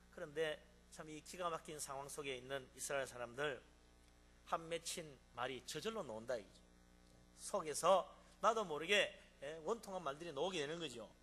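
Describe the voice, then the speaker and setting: A man's voice: a little high, bright, forceful tone, a little hiss or hum. A male pastor preaching a sermon, emphatic, asking rhetorical questions and acting out quoted laments.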